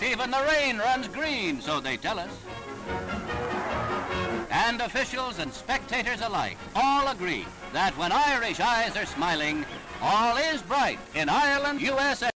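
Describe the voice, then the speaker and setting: A man's voice: high-pitched, big pitch swings, unhurried, low-quality recording. A man narrating an old newsreel in a jaunty, folksy way with playful old-fashioned turns of phrase. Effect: old newsreel soundtrack. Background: music.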